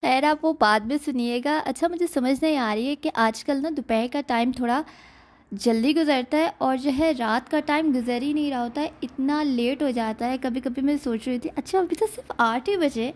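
A young woman with a high voice narrates her daily life at a moderate pace in a chatty, casual voice-over. She's a lifestyle vlogger who relies heavily on "aur jo hai" as a filler.

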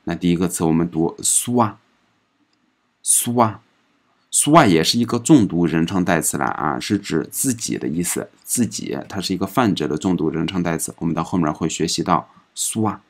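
A man teaching a recorded pronunciation lesson, patiently explaining and saying each example word several times in a drawn-out way. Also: low voice, expressive. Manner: patient explaining, ends phrases with soft particles. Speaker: French language teacher.

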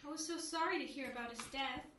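A woman playing a soft-spoken housemaid being questioned about her employer's death, in a noir radio drama. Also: sits high, fast. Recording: very echoey, distant, crowd noise.

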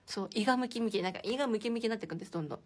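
A woman's voice: a little high, very fast. A young woman hosting a casual livestream from indoors, chatting and giggling as she reacts to viewer comments. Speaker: idol livestream host.

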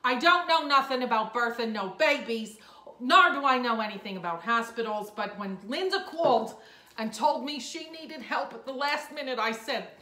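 A woman's voice: on the high side, animated, moderate pace, pushed and bright, roomy sound. A woman playing an effusive, easily overwhelmed best-friend guest on a comedy chat show. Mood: gushing.

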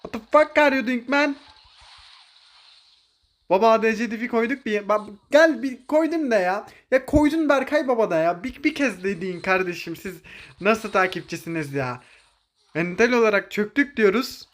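A young man streaming a mobile game, commentating live in an excitable, joking way, barking orders to teammates and throwing in English exclamations. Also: sits high, normal speed.

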